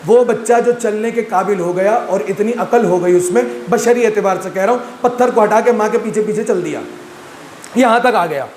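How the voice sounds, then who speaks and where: A man with a very high voice delivers a Muharram majlis sermon, putting rhetorical questions to his listeners. His voice rings through a large echoey hall, with faint room ambience behind it. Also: a little mellow, slight background noise. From Pakistan. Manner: rhetorical, asks the audience questions. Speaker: Shia majlis speaker.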